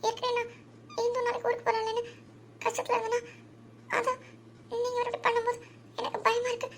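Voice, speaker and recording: A woman's voice: very high-pitched, monotone, fairly quick, noisy background. A woman voicing a shy, frightened young woman in a cartoon, nervous and pleading. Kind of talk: cartoon voice acting.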